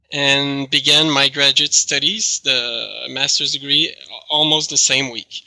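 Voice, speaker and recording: A man's voice: fairly high pitch, sharp tone, dry recording, rough recording. A man in his forties with a French-Canadian accent, answering interview questions as a guest researcher, often hesitating, restarting words and laughing. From Quebec, Canada.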